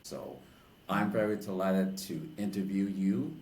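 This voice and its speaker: Low-voiced male podcast host, echoey room. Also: measured pace, vocal fry, darkish tone. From New York. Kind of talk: interview.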